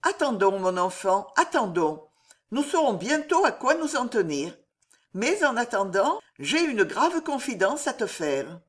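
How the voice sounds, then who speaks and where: Audiobook: woman reader doing a grave, sorrowful mother, slow and solemn. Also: fairly high pitch, sing-song, voice pushed up. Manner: solemn, hesitant. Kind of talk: audiobook character voice.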